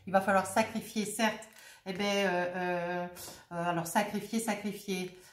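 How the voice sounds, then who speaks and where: A woman's voice: medium pitch, fairly even intonation, a little slow. Jovial woman with a cold, roomy echo. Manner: jovial, chatty, full of filler tags. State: has a head cold. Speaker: tarot reader. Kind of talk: casual tarot reading to viewers.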